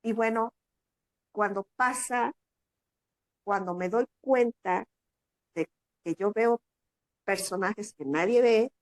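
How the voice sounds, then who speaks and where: A Mexican woman speaks as an interview guest, telling a story with lively energy and slipping into higher voices for the people she quotes. Her voice sits at a middle pitch. It sounds close and dry, with hardly any room around it. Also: no echo.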